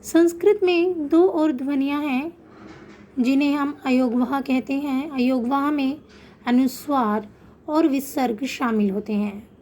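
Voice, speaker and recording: A woman teaching children online, speaking slowly and patiently. Her voice is mellow and a little high, and she draws out example words so they can be heard clearly. A faint hum sits behind her. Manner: patient, explanatory, addresses children; slows down to pronounce example words. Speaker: Sanskrit teacher. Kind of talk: online class lesson.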